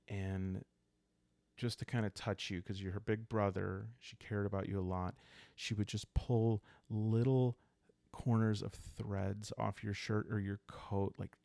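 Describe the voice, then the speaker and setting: A low-pitched man with a gravelly fry hosts a solo journaling roleplay game, speaking softly, calmly and without hurry. He improvises scenes and thinks aloud in a style meant to help listeners drift off to sleep, recorded dry and close with no room sound.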